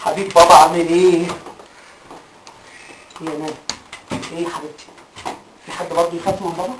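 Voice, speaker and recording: A man's voice: on the high side, flat delivery, fast. Weary, despairing man. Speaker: father character. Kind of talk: amateur film acting. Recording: echoey, distant, faint noise.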